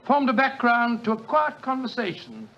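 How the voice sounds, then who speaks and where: An actor playing a genial elderly doctor, Watson, telling a story in bluff, old-fashioned 1940s radio style. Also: male voice, extremely high pitch, big pitch swings, normal speed, heavy background noise. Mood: storytelling. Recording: dull lo-fi 1940s radio recording.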